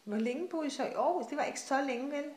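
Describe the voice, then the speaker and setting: A woman's voice: high-pitched, lively intonation, a little mellow, slight background noise. Middle-aged woman chatting in echoey room. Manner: chatty, filling in family memories. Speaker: daughter in family chat. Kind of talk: casual family chat.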